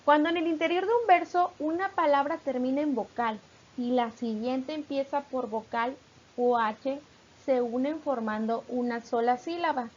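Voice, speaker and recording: A woman's voice: high-pitched, moderate pace, highs cut off. A woman teaching poetry metrics, patiently explaining and stretching out syllables as she reads examples.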